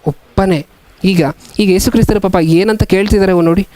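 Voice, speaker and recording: A man preaching a sermon as a pastor, asking the congregation many questions and reading scripture slowly. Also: sits high, fairly even intonation, warm tone.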